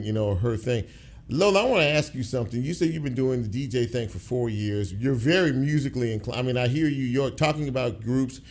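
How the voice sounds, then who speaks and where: A man's voice: mid-range voice, darkish tone. A middle-aged man hosting a radio show in a studio, talking casually and rambling with repeated words.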